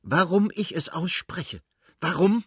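A man reading an audiobook and voicing a cold, furious middle-aged husband with a squeaky voice who talks in a stern, contemptuous way. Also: animated, fairly quick, husky, no room sound, studio quality.

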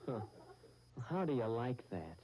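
An actor playing a chatty, self-assured youth in an old family radio comedy, talking in a folksy, informal way. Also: male voice, mid-range voice, sing-song, a little slow, rough recording. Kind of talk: old radio sitcom acting.

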